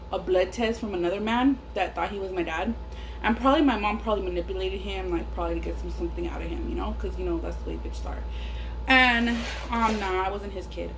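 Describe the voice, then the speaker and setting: A woman's voice: medium pitch, low-quality recording. A woman chats casually and bluntly, rambling and swearing through a story while eating chicken wings. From Los Angeles area, California. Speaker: mukbang vlogger. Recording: clear background noise, air conditioning hum. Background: air conditioner.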